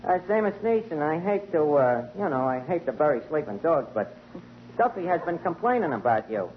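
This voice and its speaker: A man's voice: fairly high pitch, big pitch swings, a little fast. A man playing a slangy, wisecracking tavern manager in 1940s radio comedy acting. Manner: wisecracking, folksy, drops into slangy grammar. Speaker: tavern manager answering the phone. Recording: lo-fi old radio broadcast with hiss.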